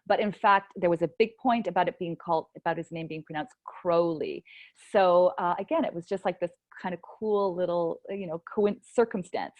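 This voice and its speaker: A woman's voice: fairly low pitch, a little fast, hardly any pauses, no echo, lo-fi sound. A woman author talking casually and enthusiastically on a video call, rambling with restarts as she explains her novel. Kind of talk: casual virtual book launch talk.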